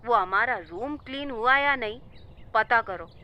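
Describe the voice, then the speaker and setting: A woman as a bright, breezy young woman, Jenny. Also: a little high, lively intonation, unhurried. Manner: careless, mixes English in. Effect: phone call. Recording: muffled phone line.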